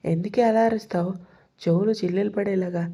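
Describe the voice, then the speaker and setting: A woman voicing a cheeky young man in a storybook reading, bantering playfully and a bit loud. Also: mid-range voice, steady tone, fairly quick, husky. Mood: teasing. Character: teasing young man, cheeky son-in-law.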